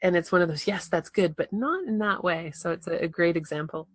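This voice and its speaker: A woman's voice: fairly low pitch, lively intonation, fairly quick, no echo. A woman hosting an interview, explaining marketing advice in a direct, casual way. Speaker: podcast host, marketing coach. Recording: dry close recording.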